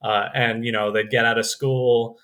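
A young man with an American accent chats casually as a guest on a podcast. His voice is bright and forward, at a middle pitch, and he often stops on a filler as he thinks. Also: level tone, normal speed. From United States. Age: young adult. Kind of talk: casual chat.

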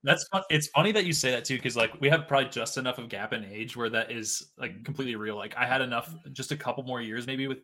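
Chatty bright-voiced man in his twenties. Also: medium pitch, quick pace, hardly any pauses, slight background noise. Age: 20s. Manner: chatty, rambling, many fillers. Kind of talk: casual chat.

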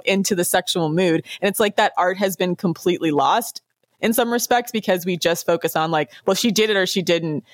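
A woman in her thirties, chatting casually and bluntly, giving strong opinions with quick laughs. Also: lowish voice, dry recording, studio quality. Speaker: podcast co-host.

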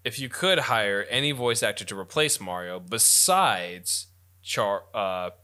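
A man talking casually on a podcast with a bright, forward tone. His pitch swings a lot as he jokes, swears and riffs with friends. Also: lively intonation, measured pace, clean tone. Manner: jokey, swears, puts on silly voices. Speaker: podcast co-host. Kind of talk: casual chat.

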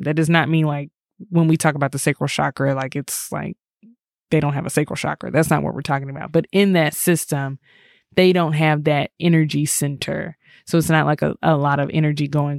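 A woman's voice: sits low, gravelly, dry recording, clean studio sound. A woman co-hosting a podcast in casual chat, telling stories with lots of "like" and acted-out quotes. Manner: animated storytelling, acts out quoted dialogue, frequent "like".

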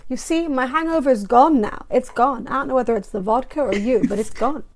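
Young girl podcasting, cheeky and swears a lot, kinda high voice. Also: a little fast. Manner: swears freely, giggly and animated. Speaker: podcast co-host. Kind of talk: casual chat.

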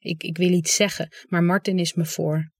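An audiobook reader narrating a first-person literary story in a calm, understated way. The voice sits in a middle range. The recording is dry and close. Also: mid-range voice, normal speed, vocal fry, dry recording.

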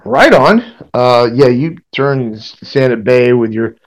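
A man narrating a tabletop role-playing game as game master, piecing his descriptions together haltingly. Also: medium pitch, fairly even intonation, a little mellow.

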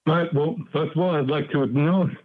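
A man's voice: a little high, fast. A male caller on a call-in show, heard through a muffled bluetooth headset mic and speaking in a mock-formal way. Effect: muffled bluetooth headset mic on a call-in line. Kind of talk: call-in to a livestream talk show. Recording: tinny muffled phone line.

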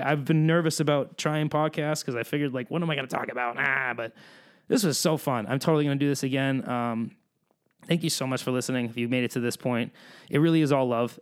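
Blunt, ranting male podcast host. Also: medium pitch. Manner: blunt, ranting, then reassuring. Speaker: musician. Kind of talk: solo podcast monologue.

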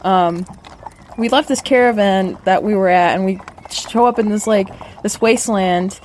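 A woman plays a vain popular girl in a tabletop game, whining and gossiping as if to a diary. Her mid-pitched voice is huffy and casual, with some noise behind it. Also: moderate pace, darkish tone, close to an everyday voice. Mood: huffy, gossipy. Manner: whiny, huffy, valley-girl filler talk. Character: vain, sassy popular party girl griping to a video diary.

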